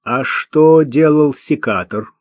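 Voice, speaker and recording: A man voicing a calm, patient man who questions a witness firmly, in an audiobook. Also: fairly high pitch, no room sound. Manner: measured, firm, patient. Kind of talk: audiobook character voice. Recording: dull dry lo-fi recording.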